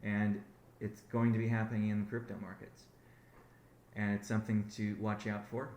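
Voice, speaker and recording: A company founder gives a rambling conference-call business update, often self-correcting and starting his sentences over. His delivery is completely flat, at a moderate pace, in a fairly low, darkish voice. The sound is reverberant, with slight background noise.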